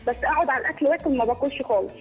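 A woman's voice: sits high, racing, faint music behind. A woman of nineteen with an Egyptian Arabic accent, calling in to a TV show, hesitant and worried about her weight. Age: teens. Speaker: phone-in caller. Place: home, TV audible behind. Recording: on-air phone line.

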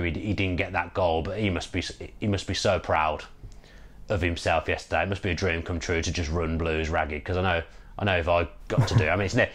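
Speaking quickly in a deep voice, a football podcast co-host chats casually after a match, animated and prone to repeating words mid-thought. He's indoors at home on a video call, heard through an earphone mic.

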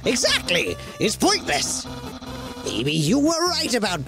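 A woman voicing a boastful, excitable male skeleton who dreams of joining the guard, reading his lines theatrically. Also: a little high, a little slow, pitched above the performer's own voice. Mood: deflated. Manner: theatrical, proclaiming reads of game dialogue. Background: game music.

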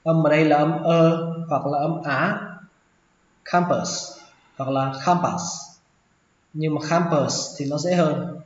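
A man teaching English vocabulary as a slow lesson, patiently repeating each word several times, a native Vietnamese speaker. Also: on the high side, fairly even intonation. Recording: echoey room with long reverb, dull lo-fi sound.

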